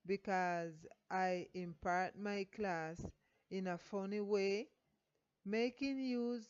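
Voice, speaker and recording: A Colombian woman whose first language is Spanish reads her teaching reflection aloud in English, slowly and haltingly, with a Colombian Spanish accent. The recording sounds dull and lo-fi. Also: mid-range voice, a little mellow, clear, resonant tone. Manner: slow, halting reading of prepared English text. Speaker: student teacher.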